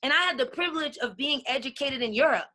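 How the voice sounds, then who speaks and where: Bright, high-voiced passionate woman. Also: lively intonation, fast. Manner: emphatic, keeps asking "right?". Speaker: podcast guest. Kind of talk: passionate conversation.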